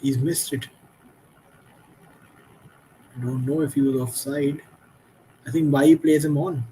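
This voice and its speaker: A man's voice: mid-range voice, fairly even intonation, unhurried, mellow, a little hiss or hum, rough recording. A tired man hosting a late-night football watchalong, giving frustrated, critical reactions to the game as it happens. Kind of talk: live match commentary and reaction.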